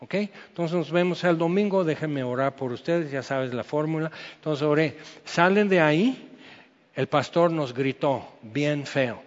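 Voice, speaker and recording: A man's voice: fairly high pitch, a little slow. A man with a Mexican accent, preaching a sermon as pastor in a chatty, storytelling way, full of asides. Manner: chatty, peppers speech with "o sea" and "¿ok?". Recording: dull sound with long hall reverb.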